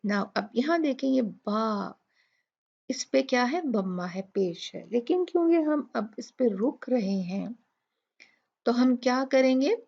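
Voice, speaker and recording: A woman teaching a Quran recitation lesson. She explains each letter methodically and models slow recitation. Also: a little high, expressive, vocal fry, darkish tone. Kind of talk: tajweed tutorial. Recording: dull lo-fi recording.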